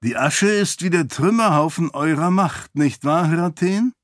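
A man voicing a small, fanatical male priest who speaks slowly and in a hushed, menacing way. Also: on the high side, no echo, clean studio sound, pitched above the performer's own voice, natural voice. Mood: gloating, menacing.

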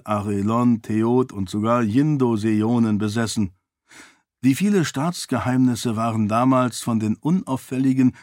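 A man's voice: medium pitch, a little mellow, dry recording, studio quality. Man narrating a fantasy audiobook.

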